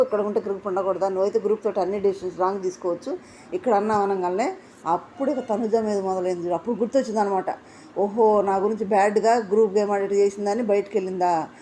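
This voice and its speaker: A woman's voice: mid-range voice, a little mellow, a little hiss or hum. A woman giving opinionated commentary as a reality show reviewer. She sounds indignant, fires off rhetorical questions and repeats her points for emphasis.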